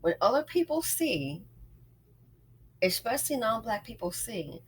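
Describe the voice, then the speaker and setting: A woman's voice: a little high, big pitch swings, unhurried, a little hiss or hum. A woman giving a casual, opinionated monologue as an online host, emphatic and often repeating phrases to drive a point home. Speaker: YouTube host and small business owner.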